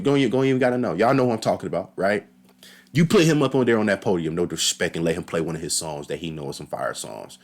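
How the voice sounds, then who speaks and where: In a deep voice, a man offers loose, excited commentary on a marching band battle, chatting to his viewers in slangy, direct terms.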